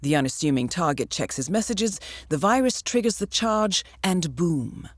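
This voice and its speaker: Recorded with no room sound, this woman's lowish voice is animated and moves at a moderate pace. Voicing a mission handler in a video game, she briefs an assassin formally, staying cool, wry and composed, with a businesslike mood and a dry sense of humor.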